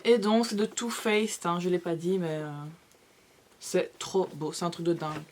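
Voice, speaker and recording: A woman's voice: on the low side, moderate pace, background noise. A young woman vlogger in a casual haul video, chatty and gushing, with playful asides to her viewers. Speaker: beauty vlogger.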